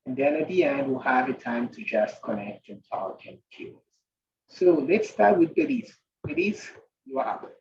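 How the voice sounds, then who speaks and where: Gravelly host on a muffled call. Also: mid-range voice, background noise. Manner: animated, many restarts and fillers. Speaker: host of an online meeting. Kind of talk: hosting a video call meeting. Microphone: video call from a distant computer mic. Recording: muffled distant video call audio.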